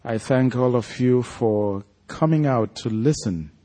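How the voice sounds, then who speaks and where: At a live event, a Nigerian-accented author addresses the audience and reads from a story he wrote. His voice is mellow and medium in pitch, and he keeps a measured pace.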